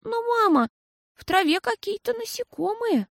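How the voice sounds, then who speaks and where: A woman voicing an excitable, fidgety seven-year-old girl who squeals and whines. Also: very high voice, moderate pace, dry recording, clean studio sound, pitched above the performer's own voice. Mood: frightened whiny. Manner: squealing, whiny and breathless.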